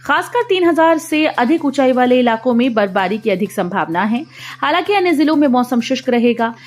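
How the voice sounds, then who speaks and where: A woman reading a scripted regional news bulletin in a steady, formal voice. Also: sits high, a little fast, faint music behind. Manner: steady formal headline delivery. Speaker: news reader.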